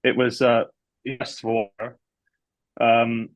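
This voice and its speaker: Man on a video call, halting and dry. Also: medium pitch, completely flat delivery, no room sound. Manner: hesitant, repeats words as he starts sentences. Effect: heard over a video call that cuts out. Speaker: band member. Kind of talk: casual interview chat.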